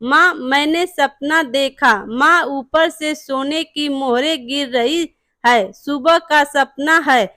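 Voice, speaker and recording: A woman's voice: high voice, slow pace, bright, forceful tone, no echo, studio quality, heavily acted. A woman voicing a simple, honest, poor young village man who speaks earnestly and hopefully.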